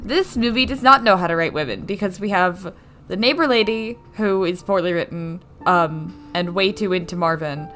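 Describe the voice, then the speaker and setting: A woman's voice: lowish voice, normal speed, faint music behind. A woman co-hosting a podcast, recapping a movie in sarcastic, swear-filled casual chat. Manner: sarcastic, swears freely, animated. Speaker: podcast co-host.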